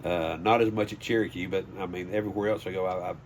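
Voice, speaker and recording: His voice is low-pitched and steady, moving at a quick pace against slight background noise. The older Southern-accented man, who announces high school sports over the PA, tells casual, folksy anecdotes during an interview.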